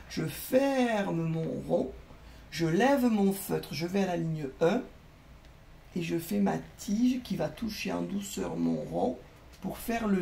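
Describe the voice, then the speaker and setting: Gravelly-voiced teacher in an echoey room. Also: mid-range voice, darkish tone, a little hiss or hum. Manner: patient, clear explaining to children. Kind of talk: step-by-step handwriting lesson. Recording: echoey room, mic at a distance.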